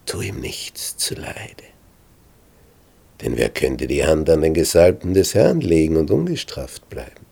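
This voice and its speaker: A man voicing an eager male soldier who whispers urgently and slowly in the dark. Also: a bass voice, huge pitch swings, vocal fry, breathy edge, full character voice.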